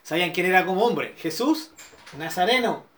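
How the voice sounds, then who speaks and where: A man's voice: high-pitched, expressive, moderate pace, a bit bright. A middle-aged man with a Chilean accent, a pastor teaching an interactive Bible study who keeps checking in with his listeners. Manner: questioning, checks in with listeners often.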